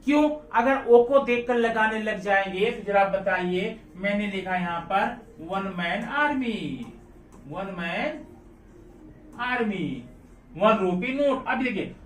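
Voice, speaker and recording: A man's voice: high-pitched, fairly bright tone. Man, teacher, classroom lesson, questions students, repeats key words, roomy echo. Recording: echoey room, voice from a distance.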